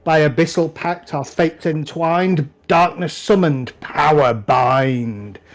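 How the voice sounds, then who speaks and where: A wizard intones a ritual summoning in slow, measured phrases, as a man puts him on. The voice sits fairly high and comes out in a deliberate, unhurried chant. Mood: ominous chanting.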